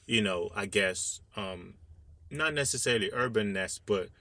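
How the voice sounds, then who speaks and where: A man's voice: on the low side, measured pace, pushed and bright, a little hiss or hum. A man co-hosting a casual panel discussion, talking discursively and often checking in with rhetorical questions. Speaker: podcast co-host.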